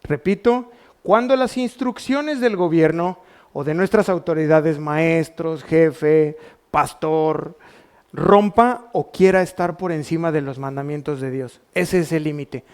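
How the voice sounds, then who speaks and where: Pastor, Mexican Spanish accent, male, lightly raised pitch, preaching with rhetorical questions to his congregation. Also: measured pace, clear, resonant tone. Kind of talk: sermon. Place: church.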